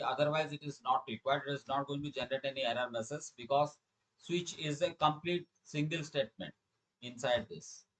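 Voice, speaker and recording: A man's voice: fairly high pitch, poor audio. A middle-aged man with an Indian accent teaching a live programming lesson, repeating phrases for emphasis and questioning his students. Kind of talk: live online lesson, explaining quiz questions.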